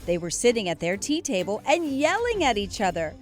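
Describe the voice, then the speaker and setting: A woman news anchor narrating a children's story aloud in an expressive read-aloud manner. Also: on the high side, brisk, over loud music.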